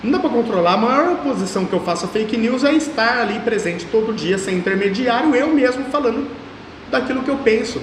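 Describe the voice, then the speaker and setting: A man's voice: very high voice, lively intonation, brisk. A man in his thirties with a São Paulo state Portuguese accent, a mayoral candidate speaking emphatically in an interview, repeating phrases for force. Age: 30s. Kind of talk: political interview. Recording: echoey room, faint background hum.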